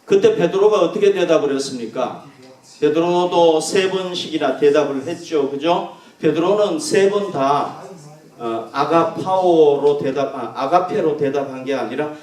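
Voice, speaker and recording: A man preaching a sermon as pastor, earnest and emphatic, swinging from loud stresses to soft, quiet endings. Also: fairly high pitch, a little slow. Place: church sanctuary. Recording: echoey church room from a distance.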